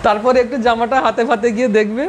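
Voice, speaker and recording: A man's voice: extremely high pitch, steady tone, fast talker, a little hiss or hum, rough recording. Man teacher quizzing a class. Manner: quizzing students, joking and laughing. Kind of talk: classroom lecture.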